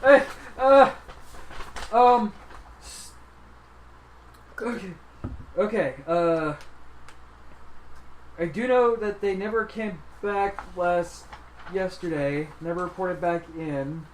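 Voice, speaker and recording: The game master playing a grumpy, flustered half-elf office clerk in a tabletop game, speaking in halting, stammering officialese. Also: medium pitch, reverberant, a little hiss or hum, close to an everyday voice, poor audio. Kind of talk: voiced tabletop game character.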